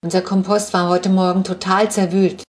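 A woman voicing a practical, level-headed mother in an audiobook, brisk and matter-of-fact. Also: medium pitch, level tone, natural voice.

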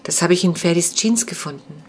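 A woman's voice: lowish voice, a little fast, slight background noise, lightly acted. A woman reading the lines of a puzzled, anxious mother in a storybook. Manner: bewildered and impatient.

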